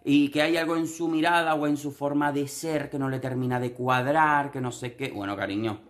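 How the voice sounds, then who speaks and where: A man's voice: medium pitch, fairly even intonation, normal speed. A young man with a Canarian Spanish accent giving sarcastic, theatrical commentary on a reality show. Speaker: TV commentary vlogger.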